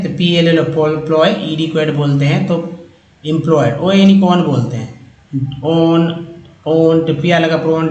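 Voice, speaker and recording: A man teaching English phonics in a patient, drawn-out way, repeating each sound over and over. His voice sits a little high. It is recorded in an echoey room with a faint hiss behind it. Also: a little mellow, dull audio. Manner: slow, repeats each sound several times. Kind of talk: explaining phonics on a whiteboard.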